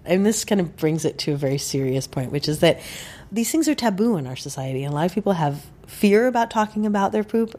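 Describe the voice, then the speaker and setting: A woman giving a thoughtful, earnest explanation as an interview guest, in a measured way. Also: deep voice, warm tone.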